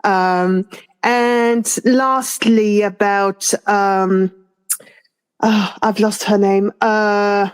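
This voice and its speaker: Woman, from France, thirties, casual co-host chat, slow unhurried pace, hesitant with fillers. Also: medium pitch, fairly even intonation, smooth. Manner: hesitant, many fillers and restarts. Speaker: podcast co-host.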